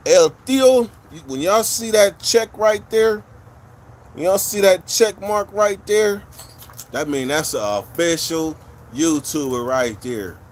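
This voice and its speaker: A livestream host from California with a fairly high voice chats casually with viewers in blunt, profane street slang. He rambles from one story to the next, with slight background noise.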